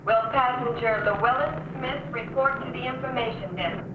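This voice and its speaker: An actress playing a calm airport announcer, speaking in measured, formal announcements over an airport intercom. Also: female voice, on the high side, background noise. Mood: announcing. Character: calm female airport public-address announcer. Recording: tinny, echoey, distant 1950s TV sound.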